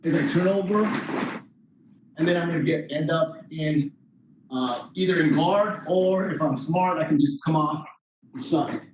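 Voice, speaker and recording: A man's voice: on the high side, measured pace. A man teaching a jiu-jitsu class, explaining moves step by step in an informal way as he demonstrates. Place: indoor training room. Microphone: distant camera microphone. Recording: distant mic, very echoey room, faint noise.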